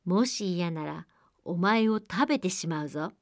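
A woman's voice: on the low side, animated, normal speed, no room sound, clean studio sound. A woman voicing a cunning, hungry wolf in a storybook reading, coaxing in a falsely sweet voice. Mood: demanding.

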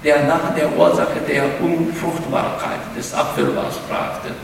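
A man's voice: on the high side, level tone, measured pace, slight background noise. A man giving a spoken lecture, hesitant and often restarting his words. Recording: echoey hall, mic far off.

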